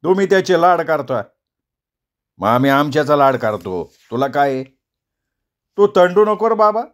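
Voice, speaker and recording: A male storyteller voicing a proud, quick-tempered elderly village man who scolds and boasts in rustic speech. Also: on the high side, sing-song, voice pushed up. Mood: scornful.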